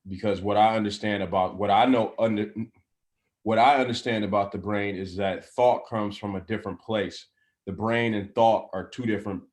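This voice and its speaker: A man in his thirties talking in a casual group discussion, halting and restarting often, with fillers and easy laughs. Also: fairly low pitch. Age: 30s. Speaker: class participant.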